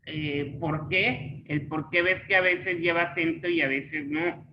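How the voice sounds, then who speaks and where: A man's voice: fairly high pitch, fairly even intonation, slight background noise. A man teaching a class, patiently walking students through examples and checking they follow. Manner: patient, slow explaining with rhetorical checks. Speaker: Spanish teacher. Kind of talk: online class explanation. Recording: echoey room, dull lo-fi sound.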